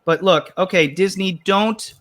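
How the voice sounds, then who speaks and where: Male show host, casual panel chat, a touch high-voiced, loose and rambling delivery. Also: a little slow, a bit bright. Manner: rambling, restarts, reads chat comments aloud.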